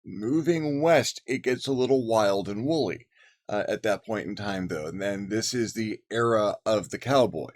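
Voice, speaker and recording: A man's voice: on the low side, moderate pace, a little mellow. A man hosting a casual, rambling monologue about game ideas, with many fillers and restarts. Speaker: host. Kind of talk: casual monologue on tabletop gaming.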